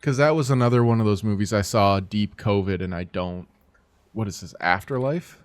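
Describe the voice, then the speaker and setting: A man's voice: lowish voice, moderate pace, dry recording. A man co-hosting a casual movie podcast, rambling and hesitant with lots of fillers. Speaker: podcast co-host.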